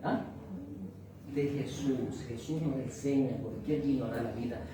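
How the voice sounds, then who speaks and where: Man preaching in an echoey church. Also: mid-range voice. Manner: preachy, drawn-out, asks the crowd "¿ah?" and "¿no?". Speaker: minister. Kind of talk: sermon. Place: church hall. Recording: echoey church hall, far from mic, noisy.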